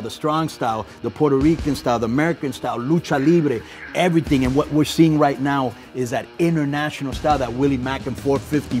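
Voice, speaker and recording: A man giving color commentary at a wrestling match, conversational and explanatory, like someone telling stories from the business. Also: mid-range voice. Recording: loud arena crowd and music behind. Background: crowd and music.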